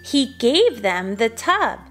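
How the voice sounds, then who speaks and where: High, lively woman reading a children's story. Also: slow pace. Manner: expressive storytelling. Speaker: volunteer reader. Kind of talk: children's story read-aloud. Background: soft background music.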